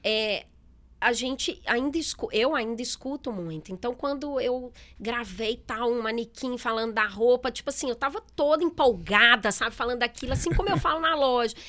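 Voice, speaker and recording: A middle-aged businesswoman in a relaxed interview, talking candidly with many fillers and quoted asides. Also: a little high, moderate pace. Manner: chatty, candid, lots of fillers and quoted speech. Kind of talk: casual interview talk.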